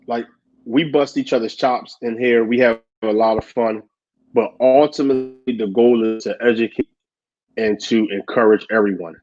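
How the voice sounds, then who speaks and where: A man talks casually and with animation. He laughs easily and acts out the quotes he tells. His middle-pitched voice comes through a muffled, lo-fi recording. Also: fairly even intonation, moderate pace, a little mellow. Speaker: podcast co-host. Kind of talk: casual chat. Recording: dull lo-fi audio.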